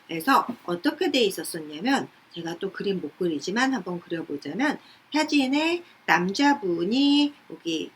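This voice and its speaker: Lively woman teaching English. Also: mid-range voice, moderate pace, few pauses, slight background noise. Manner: lively, switches between English reading and Korean explanation. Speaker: English speaking test tutor. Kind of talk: explaining reading passages and pronunciation.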